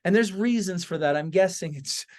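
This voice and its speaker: His voice sits high with a darkish tone, and he talks at a moderate pace. This man is a podcast host and author having a casual conversation, telling stories with emphatic asides and regular check-ins with his listener.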